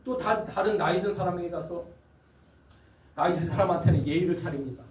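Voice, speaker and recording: High-voiced male pastor, echoey hall. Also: fairly quick, recorded from a distance, slight background noise. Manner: dramatic storytelling, acts out quotes. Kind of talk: sermon storytelling.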